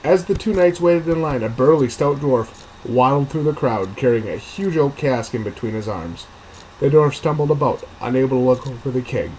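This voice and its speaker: A man reads aloud from his own novel draft, thinking aloud as he rereads and revises sentences and tossing in casual asides about edits. His medium-pitched, darkish voice has lively intonation and a moderate pace. The low-quality recording carries slight background noise.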